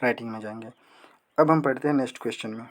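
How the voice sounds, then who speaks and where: A young man leads an exam prep lesson. He poses questions and answers them himself. He slows right down when reading English passages aloud. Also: mid-range voice. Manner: asks and answers own questions, reads English slowly. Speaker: teacher.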